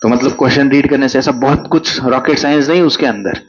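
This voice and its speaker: A man's voice: medium pitch, fast talker, highs cut off, slight background noise. A male physics teacher, coaxing students through exam problems with constant questions. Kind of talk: exam crash-course lecture.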